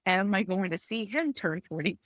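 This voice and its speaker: A woman in her forties sharing a personal story on a panel, tearful and halting, with frequent restarts and apologies. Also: mid-range voice, lively intonation, no echo, clean studio sound. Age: 40s. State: tearful, close to crying. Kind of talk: emotional personal testimony on a panel.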